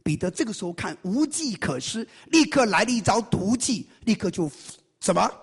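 Man preaching a sermon, high husky voice, swoops up and down, keeps quizzing the crowd. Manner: quizzes the congregation with rapid questions; animated storytelling. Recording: long hall reverb.

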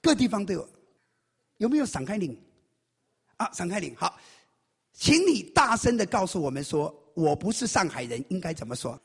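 A man preaching a sermon with a high, gravelly, husky voice. His pitch leaps all over as he tells the story and quizzes the congregation. The sound has a long reverb tail from a big hall. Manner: quizzes the congregation with rapid questions; animated storytelling.

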